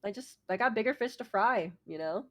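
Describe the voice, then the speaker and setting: A woman's voice: mid-range voice, animated, brisk. A woman chatting casually as a laid-back VTuber guest in an interview, giggly and loose in her phrasing.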